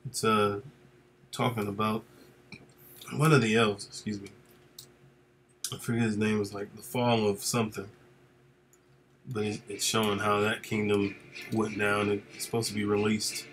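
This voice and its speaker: A man casually chatting with viewers of his live stream while he works, relaxed and rambling with lots of fillers. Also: lowish voice, measured pace, long pauses, over music.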